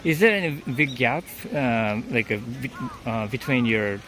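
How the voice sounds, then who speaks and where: A man whose first language is Japanese, interviewing tourists in halting English with many backchannels. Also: medium pitch, lively intonation, a crowd in the background. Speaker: YouTube interviewer. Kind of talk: street interview. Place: outdoors on a city street. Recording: street noise outdoors.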